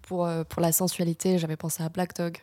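Young woman, podcast guest, casual chat, lowish voice, dry sound, hesitant fillers. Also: fairly quick, dry recording. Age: 20s. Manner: relaxed, hesitant with many fillers.

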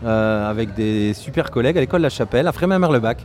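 A man's voice: medium pitch, lively intonation, fast, darkish tone. A man, a primary school teacher, co-hosting a podcast in an easygoing, casual way. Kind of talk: casual conversation.

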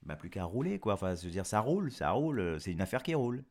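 A man's voice: lowish voice, quick pace. A man telling a folk tale with playful asides to a listener. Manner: playful, animated, teasing asides. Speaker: storyteller. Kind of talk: storytelling to a child.

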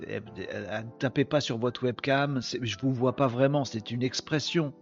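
A man with a northern French accent hosts a live podcast, rambling and joking as he chats with his viewers. His voice is gravelly with a lot of fry, at a middling pitch. Soft music plays in the background. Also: steady tone, moderate pace, lo-fi sound. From northern France. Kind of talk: casual live-stream chat.

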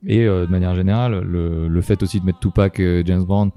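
A man's voice: deep voice, fairly even intonation, fairly quick, mellow. A man chatting casually about film as a podcast co-host, hesitant with many fillers and restarts, tired late at night.

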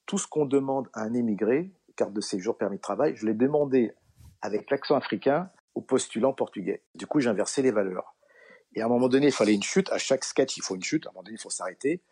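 A middle-aged man, a comedian guest in an interview, telling anecdotes in a relaxed way with many fillers and acted-out dialogue. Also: medium pitch, fast talker, slightly rough. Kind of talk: relaxed storytelling.

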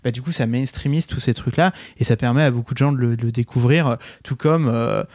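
A man's voice: mid-range voice, a little fast, a little mellow, no room sound. A man hosting a casual film discussion, talking with many hesitations and restarts.

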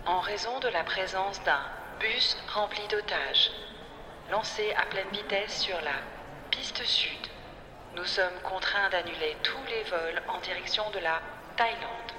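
An actress playing a formal airport announcer. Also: female voice, mid-range voice, unhurried, close to an everyday voice. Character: female airport public-address announcer. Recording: echoey airport hall announcement with noise.

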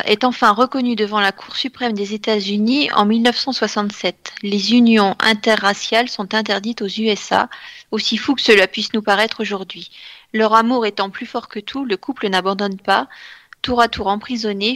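A woman's voice: medium pitch, fairly bright tone, no echo. Woman with an English accent. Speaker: medium, radio guest. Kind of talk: reading a prepared story on radio.

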